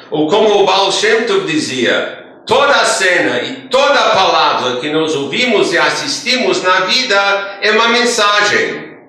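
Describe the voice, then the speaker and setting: Male rabbi, high bright voice, slow measured lecture, recorded in a very echoey hall with faint room noise. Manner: storytelling, rising emphatic phrases then trailing off quietly. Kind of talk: religious lecture.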